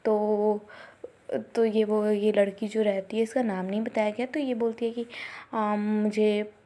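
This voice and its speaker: A woman retelling a story in an unscripted, casual way, pausing often with hesitant fillers. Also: medium pitch, level tone, dark tone. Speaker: drama recap narrator. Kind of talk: casual spoken plot retelling.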